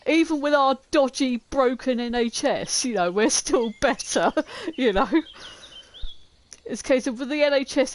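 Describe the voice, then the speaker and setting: Joking, swearing woman streamer. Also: fairly high pitch. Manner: self-mocking, swears a lot, laughs often. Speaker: game streamer. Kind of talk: casual live gaming commentary. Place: home streaming setup.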